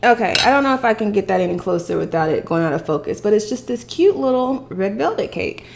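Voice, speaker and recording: A woman's voice: medium pitch, very animated, quick pace, gravelly, background noise. A woman chatting casually to the camera in a rambling way as she hosts an eating show, eating crunchy fried chicken as she talks. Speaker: mukbang host.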